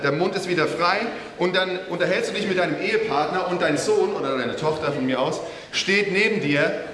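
A man with a fairly high, bright voice delivers a sermon, telling the story with lively, slangy energy and speaking straight to his audience. He sounds roomy and reverberant, as if in a large hall, with faint hiss in the background. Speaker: preacher.

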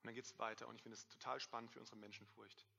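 A man in his thirties preaching a sermon to a congregation, lively, swinging between loud emphasis and quiet asides. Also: medium pitch, rapid-fire, gravelly, slightly rough. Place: church hall. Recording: dull, reverberant hall sound.

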